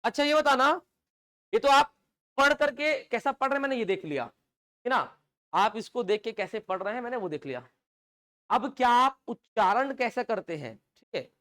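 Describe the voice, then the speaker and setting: A man's voice: very high-pitched, animated, moderate pace, fairly bright tone. Male teacher, chhattisgarh hindi accent, live class, keeps firing back questions and making everyone repeat words. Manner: drilling, keeps asking "yes or no?" and having students repeat words. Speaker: English teacher. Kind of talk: live online class lecture.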